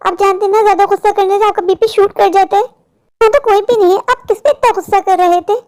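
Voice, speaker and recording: A woman's voice: extremely high pitch, fast, darkish tone. A woman voicing a rich man's concerned wife in a cartoon.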